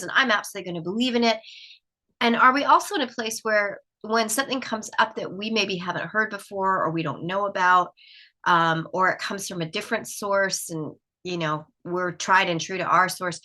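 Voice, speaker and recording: A woman's voice: fairly low pitch, bright, forceful tone. A woman hosting a solo podcast, sounding nasal from allergies, musing aloud in a reflective, questioning way. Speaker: podcast host.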